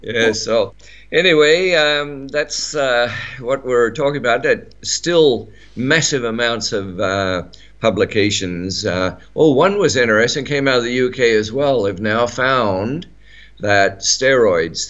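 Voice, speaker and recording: A man's voice: fairly low pitch, a bit bright, dull audio. A middle-aged man with an Australian accent, chatting on talk radio, rambling with many fillers and restarts. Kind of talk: casual talk radio chat.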